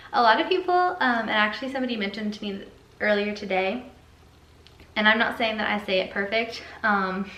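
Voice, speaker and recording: A woman's voice: medium pitch, a bit bright, echoey room, rough recording. A woman talking casually as she cooks and tastes food in her home kitchen for a cooking vlog, chatty and full of "um" and "like". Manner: chatty, many fillers like "um" and "like". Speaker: cooking vlogger.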